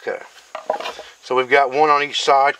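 This bushcraft instructor, a middle-aged man, has a mid-range voice and a flat delivery at normal speed. Outdoors at a wooden board, he carves a stick and explains the process step by step in plain terms, and the clip is very noisy.

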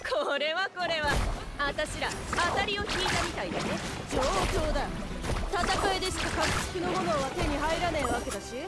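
High-voiced cocky brawler. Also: female voice, moderate pace. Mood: cocky, challenging. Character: cocky, rough-talking female fighter itching to brawl. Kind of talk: anime game dialogue. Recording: very loud game music.

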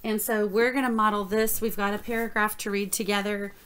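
A woman teacher models a reading lesson. She praises her reader and explains each step slowly and clearly. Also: mid-range voice, level tone, fairly bright tone. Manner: encouraging, explains steps slowly.

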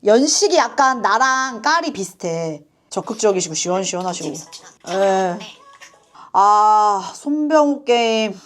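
A woman hosting a reaction video, chatting casually with quick asides and frequent apologies. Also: mid-range voice, animated.

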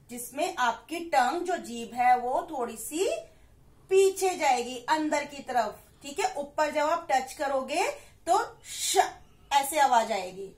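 A woman teaching a class for young children, slowly repeating words and asking questions she then answers herself, mixing English and Hindi. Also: sits high, reverberant. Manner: slow and drawn-out, repeats words for kids.

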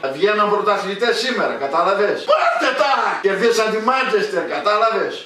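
A man in his sixties with a Greek accent, chatting excitedly and exclaiming like a football fan at home, swearing freely. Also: high voice, distant mic. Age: 60s. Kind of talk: excited casual chat. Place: living room at home. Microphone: camera a few metres away. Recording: echoey room from afar, people behind.

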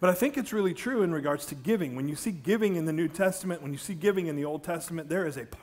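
Middle-aged male pastor, high voice, lively sermon storyteller on a headset mic. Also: very fast. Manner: storytelling, animated, jokes with the congregation. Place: large church stage.

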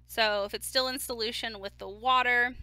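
A woman's voice: on the high side, fairly even intonation, normal speed, bright, forceful tone, no room sound. A woman lecturing on chemistry in a casual, step-by-step way with frequent fillers. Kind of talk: recorded lecture.

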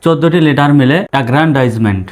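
A man teaching English pronunciation, spelling each word letter by letter and then saying it slowly in syllables. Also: mid-range voice.

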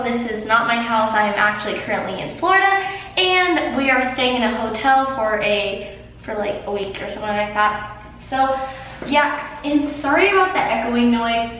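A woman's voice: a little high, fairly bright tone, recorded from a distance, slight background noise. A woman vlogger giving a chatty, upbeat slime tutorial, her voice ringing with strong echo inside an enclosed hotel shower. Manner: chatty, filler-heavy, upbeat. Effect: strong echo from an enclosed shower stall. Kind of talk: casual slime-making tutorial. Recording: very echoey, from off-mic.

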